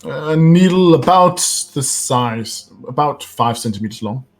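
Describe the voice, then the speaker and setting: Slow, halting man narrating as game master. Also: fairly high pitch, lively intonation. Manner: halting, with many fillers and restarts.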